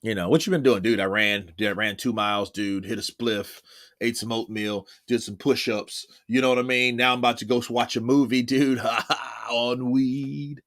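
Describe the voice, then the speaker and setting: A young man from Texas in the United States live-streams casual, profane commentary on boxing while chatting with his viewers. His medium-pitched voice is fairly bright and steady in tone, at a moderate pace.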